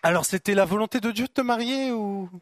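A man preaching a lively sermon as a pastor, who gets fired up and shouts out the voices of temptation, then turns quiet and gentle to lead prayer. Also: sits high, a little fast. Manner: animated, shouts acted-out inner voices, then calms to soft prayer talk.

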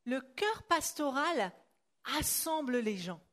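A woman with a high voice interprets a sermon live, one phrase at a time. She fills gaps with short hesitations and corrects herself as she goes. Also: big pitch swings, takes it slowly, a bit bright. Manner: translates phrase by phrase, with fillers and self-corrections.

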